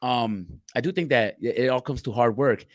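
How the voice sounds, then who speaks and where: A man co-hosting a loose live-stream chat at a middle pitch, with dry, close sound. He speaks bluntly and swears casually, reading out viewer questions and riffing on them. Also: normal speed, dry recording. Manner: loose, profane, reads chat questions aloud. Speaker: podcast co-host.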